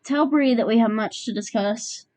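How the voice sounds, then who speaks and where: A woman's voice: a little high, normal speed, darkish tone, dry recording. A woman guesting on a casual podcast in a small room, playful and self-mocking.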